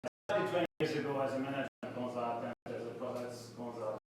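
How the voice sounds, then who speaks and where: A man from Hungary with a Hungarian accent, pitching his company at a meetup in a halting, self-deprecating way. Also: fairly even intonation, crowd noise. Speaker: startup founder pitching. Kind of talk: live pitch presentation. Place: event space at a tech meetup. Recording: echoey room, mic far off, noisy.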